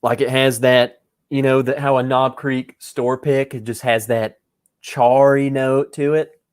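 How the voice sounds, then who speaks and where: A man's voice: mid-range voice, little pitch movement, unhurried, smooth. A man hosting a casual live whiskey tasting, joking and rambling as he chats with viewers. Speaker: whiskey livestream host. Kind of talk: casual livestream tasting chat.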